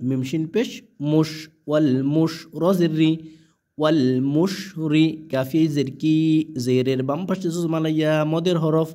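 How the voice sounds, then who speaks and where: A man gives a Quran reading lesson, spelling each word patiently and then stretching the recited syllables long. His voice sits a little high but sounds mellow and soft-edged. Between the words he explains the reading rules in a plain teaching tone. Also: fairly even intonation, unhurried. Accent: Bangladeshi.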